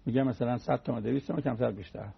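A man's voice: medium pitch, gravelly, slightly rough, dull audio. A man giving a conversational religious talk on the radio, teaching through everyday anecdotes and homely examples.

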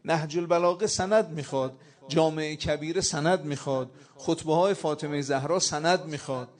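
Preacher guy, kinda high voice, fired up, gets loud on the arabic quotes. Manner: impassioned, rises loud on quoted Arabic and key points. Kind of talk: sermon.

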